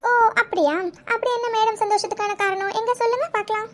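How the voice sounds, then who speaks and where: A woman voicing a sharp-tongued young female friend in a cartoon serial who teases relentlessly. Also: extremely high pitch, fairly even intonation, slight background noise. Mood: exasperated. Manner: mocking, quick teasing retorts.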